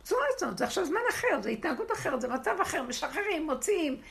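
Woman, high and gravelly, lively religious teacher, laughs through her points. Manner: expressive, laughing, rhetorical. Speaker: spiritual teacher. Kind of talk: animated religious lesson to a women's group.

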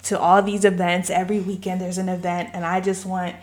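A woman's voice: on the low side, flat delivery, a little fast. A young woman co-hosting a podcast, upbeat and chatty, laughing often. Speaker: podcast co-host. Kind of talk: casual chat.

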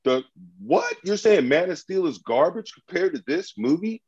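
A man's voice: high voice, sing-song, normal speed, a little mellow, breathy edge, highs cut off. A man arguing his case in a mock trial about superhero movies, combative and profane, repeating himself as he gets heated.

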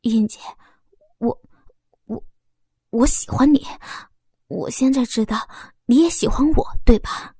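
An earnest young man pours out his feelings, stumbling over his words in urgent bursts, as a woman reader puts him on. The voice sits fairly high and breathy. It is recorded close and dry, with no room sound. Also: unhurried, long pauses, mellow, no room sound. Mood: pleading. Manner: stammering and urgent. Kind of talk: audiobook character voice.

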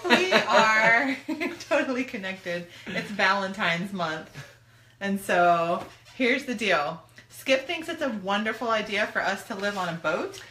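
A woman's voice: mid-range voice, expressive, a little slow, crowd noise. A woman co-hosting a live stream, chatting casually and laughing easily with her partner. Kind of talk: casual chat. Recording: echoey room.

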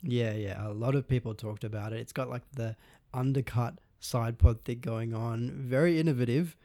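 Australian male podcast co-host, upbeat joker, mid pitch, dead-dry mic. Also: fairly even intonation, normal speed, warm tone, dry recording. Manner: jokey, upbeat, often starts with "look". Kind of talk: casual chat.

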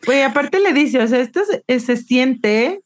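A woman's voice: high voice, animated, normal speed. A Mexican woman co-hosting a casual, slangy podcast chat among friends. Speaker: podcast co-host.

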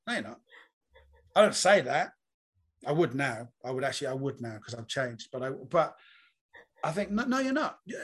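A comedian being interviewed chats casually in a reflective, rambling storytelling way. His voice is a little high, slightly bright and husky.

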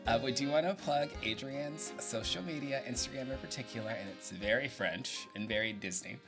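A man's voice: medium pitch, normal speed, fairly bright tone, soft background music. A man hosting a podcast interview, chatting casually and laughing often. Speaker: podcast host.

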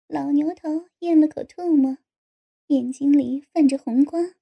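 A woman narrating an audiobook in a steady storytelling delivery. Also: sits high, unhurried, vocal fry, highs cut off.

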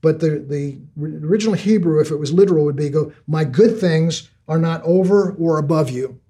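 A man's voice: fairly high pitch, moderate pace, warm tone, husky. An older man preaching a sermon, earnest, often repeating words as he builds each point. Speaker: pastor.

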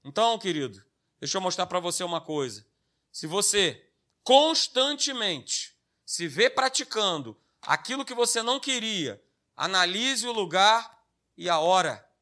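A man's voice: high voice, expressive, unhurried, pushed and bright. A man with a Brazilian Portuguese accent preaching a sermon, stressing his points by repeating key phrases and checking in with tag questions.

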